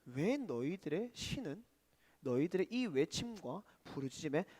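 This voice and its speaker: A preacher doing a sarcastic taunting prophet. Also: male voice, fairly high pitch, very animated, measured pace, darkish tone, in a large hall, pitched below the performer's own voice. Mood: mocking. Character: prophet mocking false gods, sarcastic man.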